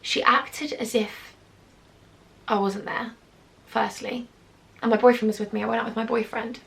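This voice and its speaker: A young British YouTuber tells a personal storytime on her vlog, chatty and confiding, tossing in sarcastic asides. Her voice is fairly high and fairly bright with vocal fry, delivered flatly at a moderate pace in a British English accent.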